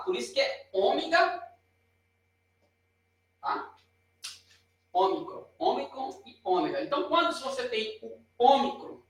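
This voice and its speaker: A man with a very high-pitched voice and a Brazilian Portuguese accent teaches chattily at a board, pointing and correcting himself as he explains. He's picked up by a distant mic in a very echoey room.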